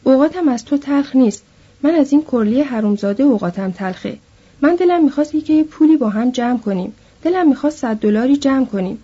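Woman reading a stern protective guy, firm and bossy, husky voice, lo-fi sound. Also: sits high, animated, dark tone. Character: stern protective man, worried companion. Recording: dull lo-fi recording.

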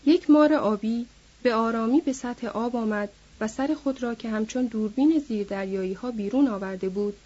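Husky woman reading an audiobook. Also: on the high side, warm tone. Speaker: audiobook narrator. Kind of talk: scripted narration. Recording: dull lo-fi recording.

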